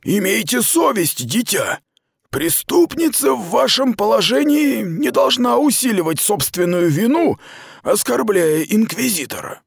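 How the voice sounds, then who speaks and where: A man's voice: fairly high pitch, big pitch swings, measured pace, gravelly, breathy edge, no room sound, pitched above the performer's own voice, heavily acted. A man reading the part of a stern, dry middle-aged commander who talks down to a young woman in a storybook reading. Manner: cold, clipped, patronizing.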